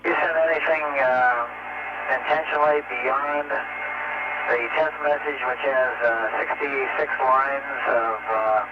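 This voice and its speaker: A man's voice: mid-range voice, fairly even intonation, slow pace. A male astronaut reading back checklist items over a radio link that breaks up, hesitant and clipped with frequent uhs. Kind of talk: spacecraft radio chatter. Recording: noisy distant lo-fi radio link.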